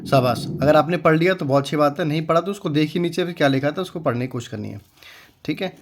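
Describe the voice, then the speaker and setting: Young guy teaching english word by word, slow spelling, repeats stuff, kinda high voice. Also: slight background noise. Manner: slow, patient spelling out letter by letter; repeats words, checks in with frequent "okay". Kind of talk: Hindi-language English reading lesson.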